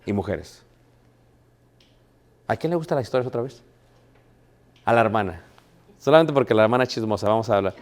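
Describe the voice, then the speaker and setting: A man's voice: fairly low pitch, lively intonation, fairly quick, long pauses. A man preaches a sermon to his congregation, telling stories with quoted dialogue and asking rhetorical questions.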